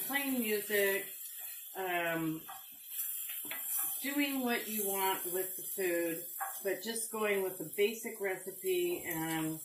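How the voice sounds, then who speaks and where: A middle-aged woman hosting a casual home cooking demonstration, chatty and unhurried with lots of ums. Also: medium pitch, background noise. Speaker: cooking show host. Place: home kitchen, indoors. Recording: roomy kitchen with sizzling pan. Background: frying and sizzling food.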